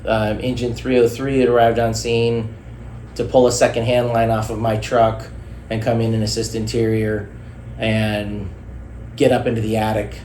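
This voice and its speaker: Even-toned, hesitant man in echoey room. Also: lowish voice. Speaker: firefighter, engine company officer. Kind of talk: recounting an incident response. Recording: echoey room with faint noise.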